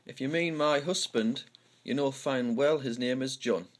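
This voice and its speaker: Here a man reads dramatic dialogue aloud as an amateur, unhurried and in a mid-range voice. He speaks with the pitmatic accent of Houghton-le-Spring in North East England.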